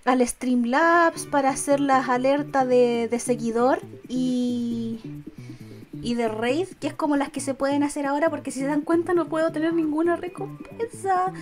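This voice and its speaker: Young Chilean woman streamer, high voice, giggly and chatty, soft music under her. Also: steady tone, moderate pace. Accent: Chilean Spanish. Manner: giggly, greets chat by name, swears casually. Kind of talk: casual live-stream chat.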